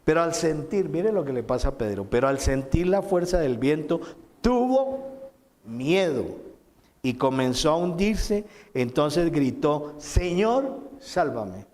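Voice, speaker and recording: A man preaching a sermon as pastor, emphatic and repetitive, swinging between loud quoted lines and soft, low asides. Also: expressive, unhurried. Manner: emphatic preaching with repeated phrases and dramatic quotes.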